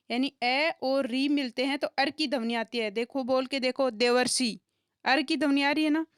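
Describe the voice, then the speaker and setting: A woman's voice: sits high, clear, resonant tone, no room sound, clean studio sound. A woman teacher explaining a grammar lesson step by step, asking questions and answering them herself. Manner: asks rhetorical questions and answers them, slow and deliberate.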